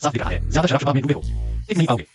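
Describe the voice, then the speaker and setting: A man's voice: mid-range voice, very animated, rapid-fire, vocal fry, a little mellow, faint music behind. An actor playing a cocky, wisecracking young man in a dubbed drama. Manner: cocky and teasing. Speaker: brash hero.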